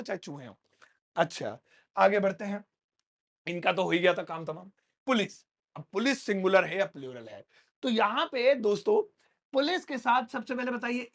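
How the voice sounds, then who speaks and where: A man teaches a spoken English lesson in a classroom. His delivery is playful and lively, with joking asides to the students. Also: high voice.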